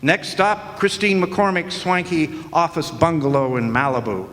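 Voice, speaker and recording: A man with a slightly high, expressive, somewhat bright voice narrates at an unhurried pace as a wry, sardonic hard-boiled detective, evoking 1940s noir radio drama. It's a live performance before an audience in a historic club hall, and the recording carries a long, echoing hall reverb.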